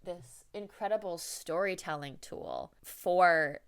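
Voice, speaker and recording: A woman's voice: fairly low pitch, slow, clean tone. A woman co-hosting a podcast in casual chat, talking through ideas thoughtfully with frequent "like" and "um". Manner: analytical, many fillers like "like" and "um". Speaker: podcast co-host.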